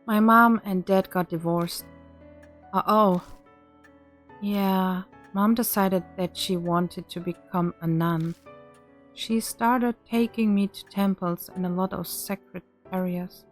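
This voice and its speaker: Slow, subdued woman reading game dialogue. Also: mid-range voice, steady tone. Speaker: VTuber streamer. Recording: music behind the voice.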